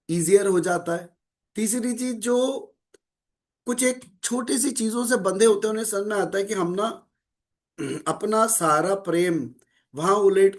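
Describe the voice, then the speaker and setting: A middle-aged man giving a calm, measured spiritual talk to listeners, mixing in English phrases. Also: high-pitched. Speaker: spiritual speaker.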